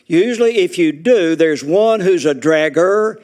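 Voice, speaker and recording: Folksy older Southern preacher. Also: male voice, high-pitched, animated, unhurried, a little mellow. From Arkansas. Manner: folksy joking storyteller, laughs through his lines. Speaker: retired Baptist preacher, guest speaker. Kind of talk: humorous after-dinner style speech. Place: meeting room at a retirement community.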